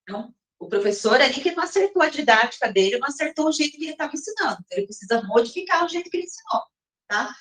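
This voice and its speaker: A woman teacher explaining step by step in a recorded lesson, often checking in with her listeners and reading some passages slowly. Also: sits high, lively intonation, a bit bright. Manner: slows down and reads some passages slowly, as if from a text. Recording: roomy echo, mic at a distance.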